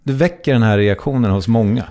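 A man hosting an interview podcast, candid and animated as he tells his own story and asks questions. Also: medium pitch. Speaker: podcast host. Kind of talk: interview conversation.

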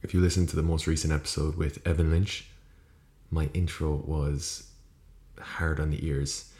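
A man's voice: extremely low pitch, little pitch movement, normal speed, a little mellow. A young Irish man hosting a solo podcast in a casual, rambling, sweary way, recorded on a podcast microphone in an echoey room. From Ireland. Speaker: podcast host. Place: small room, indoors. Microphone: USB podcast microphone. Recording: echoey room with poor acoustics.

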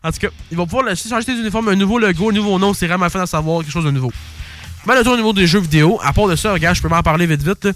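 A young man with a Québécois accent hosting a casual sports podcast, excitable and slangy, swearing freely. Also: sits high, racing, soft background music. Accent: Québécois French. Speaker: podcast host.

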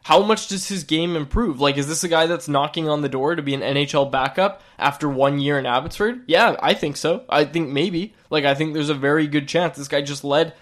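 A man with a stuffy, nasal voice from a lingering cold talks in an eager, fast podcast chat. His voice sits a bit above the usual male range, and he often restarts his sentences as he gets excited. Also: a little high. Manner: quick, excitable, trailing restarts. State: sick, recovering from a cold. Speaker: podcast co-host. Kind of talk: casual sports podcast chat.

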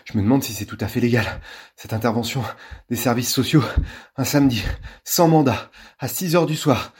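A man's voice: medium pitch, moderate pace, darkish tone, slightly rough, pitched above the performer's own voice. A man reading a storybook aloud and voicing a fussy, worried boy who frets about legality. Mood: fretful. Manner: anxious, pedantic. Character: fussy worried boy who watches too many cop shows.

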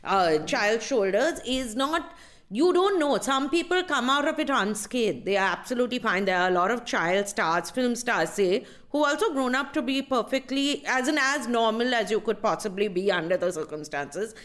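Blunt Indian woman, slightly high voice. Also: lively intonation, moderate pace, a bit bright. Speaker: podcast co-host. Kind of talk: casual opinionated chat.

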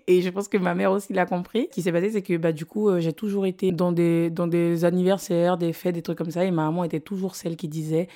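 A young woman from French Guiana with a low, slightly husky voice, chatting casually and laughing as she hosts her own podcast. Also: little pitch movement, fast, few pauses, mellow. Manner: chatty, laughs often, many fillers. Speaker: podcast host. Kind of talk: casual solo podcast storytelling.

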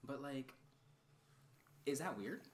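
A man's voice: medium pitch, lively intonation, slow, slight background noise. A man in his twenties co-hosting a podcast, joking and playfully defending himself in casual banter. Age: 20s. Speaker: podcast co-host. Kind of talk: casual chat.

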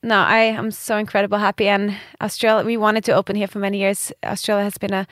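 A woman's voice: mid-range voice, flat delivery, fast, fairly bright tone, no echo, clean studio sound. Enthusiastic woman from Scandinavia. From Denmark and Sweden. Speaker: interview guest, fashion brand founder. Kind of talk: casual conversational interview.

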